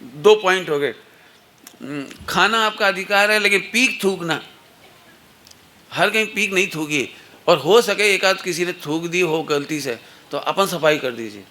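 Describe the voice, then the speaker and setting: A man's voice: high voice, a little slow, bright, forceful tone. A middle-aged man giving a satsang talk to children and parents, telling anecdotes and playfully acting out the people in them. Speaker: religious teacher.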